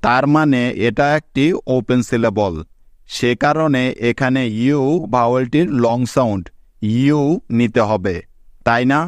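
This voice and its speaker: A man teaches English phonics in a steady, mid-pitched voice. He explains each step patiently and checks in with his learners. The recording is close and dry. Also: unhurried, clear, resonant tone, no room sound. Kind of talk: phonics lesson for viewers.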